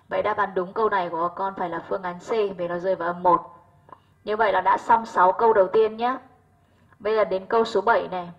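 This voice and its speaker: Vietnamese lady english teacher going over test answers, kinda husky voice, muffled lo-fi sound. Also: mid-range voice. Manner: patient, checks understanding with frequent "right?". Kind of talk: exam answer walkthrough.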